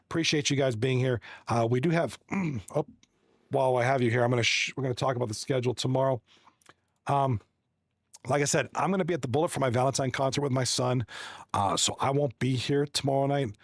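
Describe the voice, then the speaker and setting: A man's voice: mid-range voice, fairly quick, dry recording. Chatty man streaming, dry close sound. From Toronto, Canada. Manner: rambling, friendly, reads chat aloud and runs through stats with many restarts. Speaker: esports hockey league commentator and streamer. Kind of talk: casual livestream chat.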